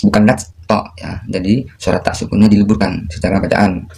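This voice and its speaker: A man teaching Quran recitation rules, slowly repeating each example in a drawn-out chanting voice and often clearing his throat. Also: sits low, steady tone. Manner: addresses listeners as ladies, gentlemen and younger ones. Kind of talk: tajweed lesson.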